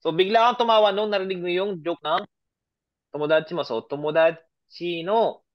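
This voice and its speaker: A man's voice: high voice, moderate pace. A man with a slightly raised voice teaches a grammar lesson, walking through example sentences step by step. He keeps checking whether his class is following. The sound is dull and lo-fi. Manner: patient, keeps checking understanding; mixes English and Japanese examples into his explanations. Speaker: Japanese language teacher. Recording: dull lo-fi audio.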